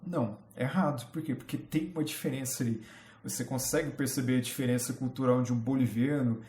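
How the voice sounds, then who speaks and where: A man with a Brazilian Portuguese accent gives a relaxed, chatty history lesson packed with rhetorical questions, stopping now and then to admire his slides. His voice is a little high and warm, and the room echoes.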